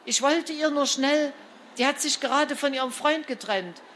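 A woman's voice: high voice, moderate pace, fairly bright tone, slight background noise, voice pushed up. A woman reading a storybook aloud, voicing a flustered mother who talks in a panicky, agitated way. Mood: panicked. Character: flustered, tearful mother, middle-aged.

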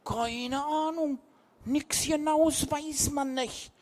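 A man's voice: very high-pitched, fairly even intonation, extremely slow, pitched above the performer's own voice, heavily acted. A man voicing a tipsy, superstitious old sea captain who slurs his dialect-tinged words. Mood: gruff, slurring. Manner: slurred, dialect-tinged speech.

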